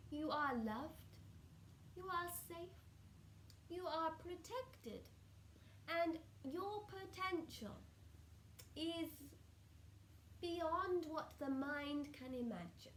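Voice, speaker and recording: A loving, solemn spirit speaks through a woman in the manner of a seance medium in trance. The voice is very high and slow, stretching words and letting phrase endings fall to a hush. It sounds in a reverberant room, giving oracular guidance. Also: animated, full character voice. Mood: reassuring, solemn. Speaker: trance channeller answering audience questions. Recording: roomy echo with faint background noise.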